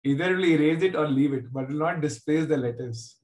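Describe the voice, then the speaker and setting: Speaking fairly quickly in a high-leaning, darkish voice, this man with a South Indian accent runs an informal online maths lesson from an indoor room. He keeps things conversational and jokes with the class. The sound is echoey and roomy, typical of online class audio.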